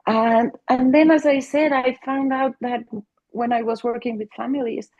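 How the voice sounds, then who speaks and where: In this lo-fi interview clip, a middle-aged Mexican woman, a native Spanish speaker with a Mexican accent, talks about her work as a family therapist. Her voice sits high and has a darkish tone, with fairly even intonation and a moderate pace. She is earnest, restarting often and using plenty of fillers.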